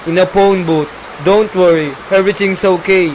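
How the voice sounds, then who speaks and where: A man's voice: high-pitched, steady tone, normal speed, slight background noise, natural voice, poor audio. A young man playing a reassuring criminal conspirator in an amateur radio play. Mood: conspiratorial, reassuring. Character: George, reassuring criminal plotter on the phone.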